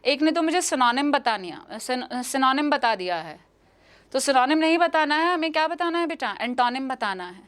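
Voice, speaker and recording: High-voiced Indian woman teaching English. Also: lively intonation, moderate pace, fairly bright tone. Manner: repeats questions and answers, calls students "beta". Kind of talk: live online exam-prep lesson.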